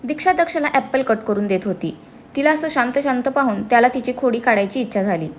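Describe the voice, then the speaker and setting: A woman's voice: fairly high pitch, a little fast, a little hiss or hum. A woman narrating a serialized romance story, reading dramatically and voicing every character herself.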